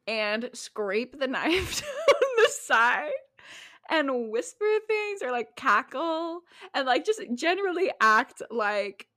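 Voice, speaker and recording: Bright, giggly young woman podcaster. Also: high voice, takes it slowly, few pauses. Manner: giggly, animated storytelling. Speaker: podcast co-host. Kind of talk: casual chat. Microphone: close podcast mic.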